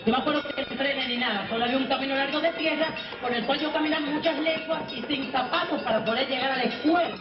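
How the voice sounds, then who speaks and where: A woman's voice: high-pitched, fast, hardly any pauses. A Cuban woman from Santiago de Cuba, a singer telling her own life story in a folksy, emphatic way, calling her listeners brothers. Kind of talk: first-person life storytelling. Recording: roomy, dull archival recording with music.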